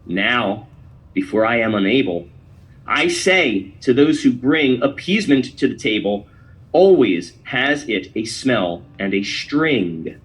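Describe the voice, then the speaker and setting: A male podcast host with a voice of ordinary middle pitch, delivering pointed commentary. He reads verse aloud with heavy emphasis, leaning hard into each line like a speech. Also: animated, slow pace, fairly bright tone, poor audio. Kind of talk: opinion commentary and poem reading.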